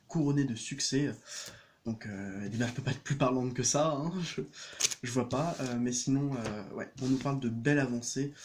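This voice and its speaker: A man's voice: medium pitch, slight background noise. Hesitant man reading cards. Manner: hesitant, many fillers and restarts; gentle, reassuring spiritual advice. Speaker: tarot card reader. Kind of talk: casual card-reading video.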